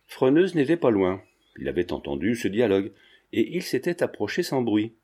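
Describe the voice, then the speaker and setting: A man reading a novel aloud as an audiobook narrator, with an expressive storytelling delivery. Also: on the low side, moderate pace, breathy edge. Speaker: audiobook reader.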